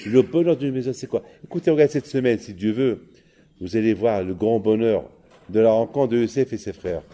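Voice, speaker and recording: A male preacher telling a story in a sermon, lively and repeating his key points. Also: fairly low pitch, moderate pace, a little hiss or hum. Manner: animated storyteller who repeats key words.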